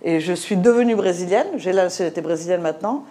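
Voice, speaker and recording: A middle-aged Moroccan woman with a slight Moroccan French accent speaks in a panel discussion, her voice fairly low, quick and dark in tone. She sounds hesitant, filling pauses and restarting often.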